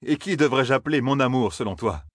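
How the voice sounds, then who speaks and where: A man voicing a hard but tender warrior king in an audiobook, gentle and teasing. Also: mid-range voice, lively intonation, brisk, no room sound, clean studio sound, voice pushed up, lightly acted. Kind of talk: audiobook character voice.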